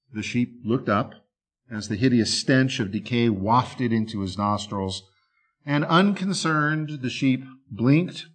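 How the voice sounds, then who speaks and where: Slow, dramatic male storyteller. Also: mid-range voice. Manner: slow, with drawn-out dramatic pauses. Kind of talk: dramatic fable narration.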